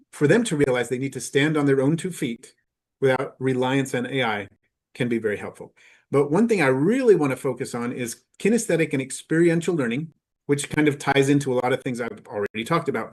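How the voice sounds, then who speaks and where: A man giving a conference presentation to teachers, explaining in a measured way with frequent filler pauses. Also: medium pitch.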